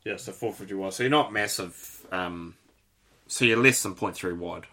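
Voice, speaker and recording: A man's voice: low voice, normal speed, bright, forceful tone. A man chatting casually as host, rambling through technical details and swearing now and then. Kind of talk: casual chat.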